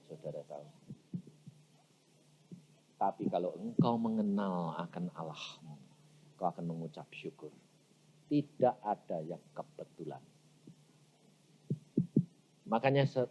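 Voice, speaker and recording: A man preaching a sermon in a colloquial, folksy way, full of rhetorical questions and sudden loud outbursts. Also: on the low side, breathy edge, lo-fi sound. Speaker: evangelist preacher.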